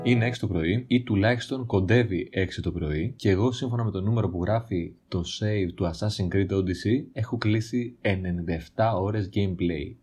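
A man with a low, mellow voice tells a story in a loose, conversational way. His tone is wry and he swears casually as he goes. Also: hardly any pauses, soft background music.

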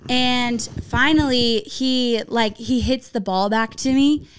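A woman hosting a podcast, telling a story in a casual chat among friends, animated and swearing freely as she acts out what people said. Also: fairly high pitch, slow pace, a little hiss or hum. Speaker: podcast host.

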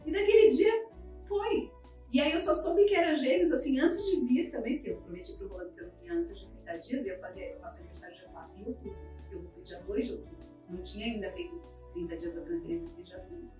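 Fast-talking woman telling her story. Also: sits high, very animated, mellow. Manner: vivid, acts out quoted dialogue. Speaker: podcast guest. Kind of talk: personal storytelling in an interview. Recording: roomy, distant mic, faint music behind.

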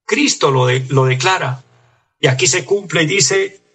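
A man's voice: fairly high pitch, unhurried, fairly bright tone. A man preaching a sermon in an earnest, pleading way, reading scripture aloud to his listeners.

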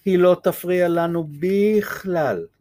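A man's voice: high voice, a little mellow, no room sound, pitched above the performer's own voice, close to an everyday voice. A man voicing an eager young girl in a read-aloud storybook, begging her mother. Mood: cheerful.

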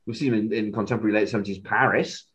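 A man co-hosting a podcast in casual fan chat, talking in an animated, rambling way and stammering on restarts. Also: lowish voice, racing, breathy edge. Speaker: podcast co-host.

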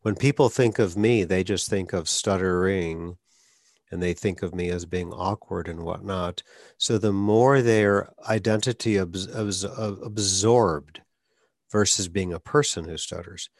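A speech clinician hosting a podcast interview speaks a little slowly in a low voice, earnest and advocating, sometimes blocking as he stutters. Clean, dry studio sound; the conversation is casual.

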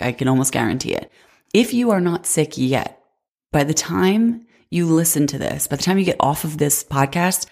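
A woman's voice: low-pitched, a little mellow. A woman in her twenties hosting a casual solo podcast, sick and congested, with a nasal voice and a chatty manner full of "like". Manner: chatty, frequent "like" fillers. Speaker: podcast host.

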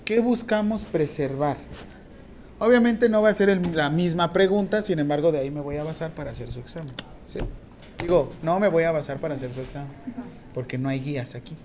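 A woman's voice: deep voice, darkish tone, a little hiss or hum. Slangy Mexican woman lecturing a class. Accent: Mexican Spanish. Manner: casual, slangy, dictates slowly and questions the class. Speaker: nursing teacher.

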